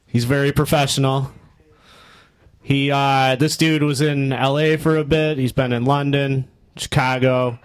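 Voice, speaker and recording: A man acting as emcee at a house comedy show, introducing the next comic in a loose, upbeat way with small pauses. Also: fairly high pitch. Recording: live audience all around.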